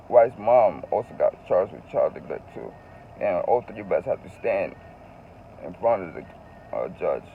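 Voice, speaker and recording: A man's voice: on the low side, creaky, phone-quality sound, slight background noise. A man telling a personal story in a casual, confessional vlog, earnest and emotional, often repeating phrases for emphasis. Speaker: vlogger.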